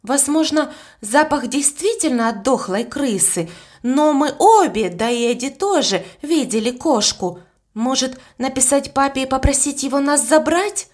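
A woman's voice: sits high, expressive, a little slow, pitched above the performer's own voice. A woman voicing a timid, easily frightened young girl who talks hesitantly, reading an audiobook. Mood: worried.

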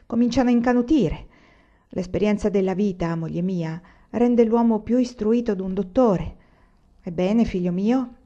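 A woman reading aloud and voicing a slow-spoken old peasant father who lectures his son in a novel. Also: high voice, warm tone, highs cut off.

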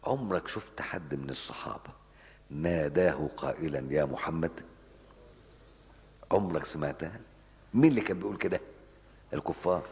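In a low voice with a big-room sound, a man preaches a Ramadan lesson at a mosque in an Egyptian Arabic accent. He's animated and scolding, asking rhetorical questions and then answering them himself.

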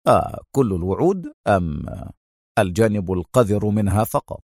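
A man's voice: dry recording, clean studio sound. A man voicing a cool, sardonic secret agent. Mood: mocking. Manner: calm, low and unhurried, dryly mocking.

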